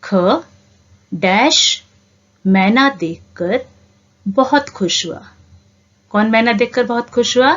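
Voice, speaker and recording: A woman teaching a reading lesson to young children, asking the class questions and answering them herself in a patient, drawn-out way. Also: a little high, animated, fairly bright tone. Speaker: primary school teacher. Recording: dull lo-fi home recording.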